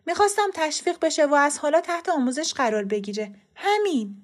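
A flustered woman teacher rushes through her account, nervous and eager to explain herself, as read by a woman. The voice is high and bright, and it is told as a storybook reading. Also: lively intonation. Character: flustered female schoolteacher.

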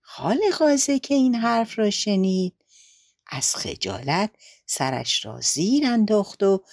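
A woman storyteller narrating a children's fable in an expressive, lilting way. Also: medium pitch, gravelly, no room sound. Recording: dry voice with soft background music.

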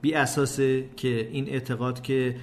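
Male podcast host, polite, brief nods of assent, mid-pitched voice, faint noise in the background. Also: little pitch movement. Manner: polite, prompting with short acknowledgements. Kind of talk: casual interview chat.

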